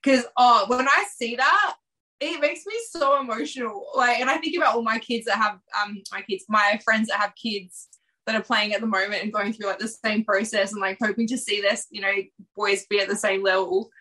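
A woman hosts a casual basketball podcast. Her voice is bright and forward, and she talks in a loose, emotional way, full of "like" and quick asides. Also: mid-range voice, steady tone, poor audio. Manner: chatty and emotional, filler-heavy. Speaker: podcast host. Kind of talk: casual sports podcast chat.

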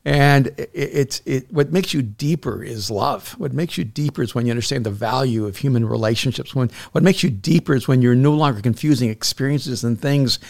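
Gravelly and darkish, this man's mid-range voice moves fairly quickly with few pauses. He's a Salvadoran pastor and author in middle age, guesting on a podcast and sharing stories earnestly, frequently starting over, in a relaxed, reflective chat.

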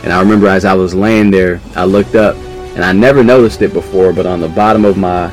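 Deep-voiced man telling a lively story. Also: fast talker, soft background music. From New York. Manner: animated, acts out quoted voices, laughs mid-story. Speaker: podcast guest. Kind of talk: casual storytelling.

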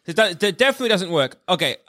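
A man's voice: high voice, big pitch swings, rapid-fire, sharp tone. An Australian man co-hosting a comedy podcast, animatedly talking through absurd plans. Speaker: podcast co-host. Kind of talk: comedic improvised chat.

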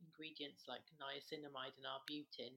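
A woman in her thirties co-hosting a casual chat, relaxed, often repeating words as she thinks. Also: extremely low pitch, a little fast. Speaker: podcast co-host. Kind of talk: casual chat about skincare.

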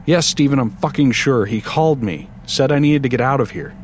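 A man voicing a tough rural woman who shouts and curses in an audiobook story. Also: medium pitch, moderate pace, slight background noise, close to an everyday voice. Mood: angry, urgent. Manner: shouting, cursing.

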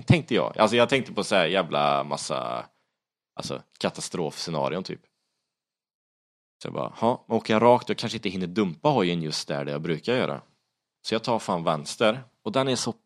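A young man casually retelling a story, animated, swearing often and acting out his own panic. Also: low-pitched.

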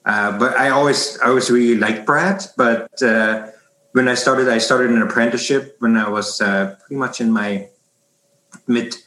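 In an echoey room and a rough recording, a German man in his forties who teaches bread baking chats in an interview about his work, wandering off and starting over frequently. His accented voice is medium-pitched, steady and sharp, at normal speed.

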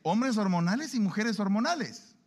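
Male preacher, fairly high voice with lively swings, big hall echo. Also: moderate pace. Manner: animated, acts out everyday dialogues. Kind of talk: sermon. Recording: long hall reverb.

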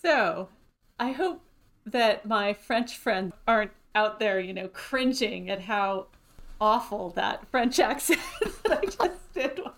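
Woman cohosting a podcast, chatty and lively, mid-pitched voice. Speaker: podcast co-host. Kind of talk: casual chat.

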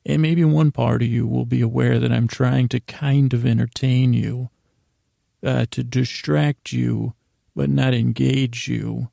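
A male podcast host delivers a rambling bedtime monologue meant to lull listeners to sleep, meandering and halting and often cutting himself off. His mid-range voice is gravelly and creaky with a dark tone, captured in clean studio sound with no echo.

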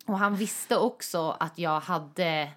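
A young adult woman in casual chat, telling a personal story in an animated way and acting out quoted dialogue. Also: on the low side, over a noisy crowd.

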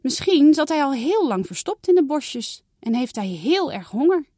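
An excitable, soft-hearted little girl, voiced by a woman reading aloud chirps high and pleading. Her lines leap up and down with childish excitement. The sound is close and dry. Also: normal speed, no room sound. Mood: excited.

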